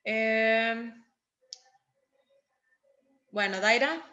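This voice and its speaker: Lady teacher running a class, bright voice a bit high, patient and upbeat. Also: drawn-out words, lo-fi sound. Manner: encouraging, patient, reads examples with marked intonation. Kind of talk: online class lesson.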